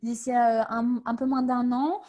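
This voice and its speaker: A woman's voice: fairly high pitch, flat delivery, measured pace, warm tone. A woman guest on a webinar answering questions about her career change, talking casually with many fillers and restarts over a video call.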